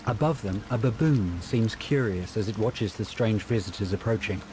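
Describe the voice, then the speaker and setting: A man reading scripted audio description for a film in a measured, descriptive manner. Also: lowish voice, music in the background, poor audio.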